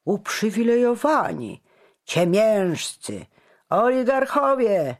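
Reader voicing an indignant gossiping burgher. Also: male voice, high-pitched, sing-song, takes it slowly, voice pushed up, exaggerated voice. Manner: heated grumbling complaint. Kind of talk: audiobook character voice.

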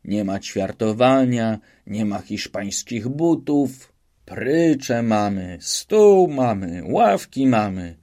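A man's voice: fairly low pitch, very animated, takes it slowly, warm tone. A man voicing a naive, cheerful soldier who talks earnestly and rambles politely in an audiobook. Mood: cheerful rambling. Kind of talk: audiobook reading.

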